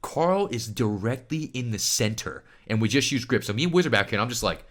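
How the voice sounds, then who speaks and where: Brief: man in a match breakdown, lively up-and-down delivery, emphatic. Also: medium pitch, brisk. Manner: animated, emphatic, swings between hype and hushed asides. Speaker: pro player and streamer. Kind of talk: game match breakdown commentary.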